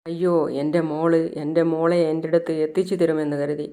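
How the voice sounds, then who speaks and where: Grieving old father in a told story, read by a woman narrator, low, flat voice. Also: fairly quick, natural voice. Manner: low, even reading voice. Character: grieving elderly father, broken by news.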